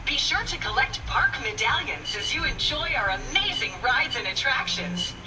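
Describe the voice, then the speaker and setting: A woman voicing a cheerful female robot park guide with a metallic robotic filter, chattering in a sales-pitch patter broken by system errors. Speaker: informational robot assistant. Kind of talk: video game dialogue. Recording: distant game audio over music.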